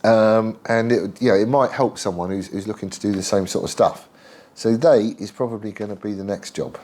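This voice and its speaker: Speaking with a fairly low, slightly mellow voice, this middle-aged man keeps a steady tone and a brisk pace. He's a motorcycle builder and channel host with a head cold, chatting loosely through a home workshop update peppered with ums and local slang.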